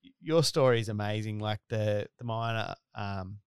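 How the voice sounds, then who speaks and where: A man's voice: fairly low pitch, moderate pace, clear, resonant tone, dry recording, clean studio sound. A man in his thirties with a broad Australian accent, hosting a casual interview in a rambling, colloquial, blokey way. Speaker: podcast host and business owner.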